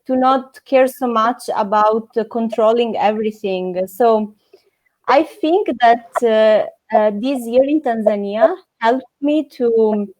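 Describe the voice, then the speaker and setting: A woman's voice: fairly high pitch, takes it slowly, a little mellow. A woman, answering interview questions thoughtfully and searching for words with many fillers and restarts. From Italy. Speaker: interviewee, former NGO volunteer.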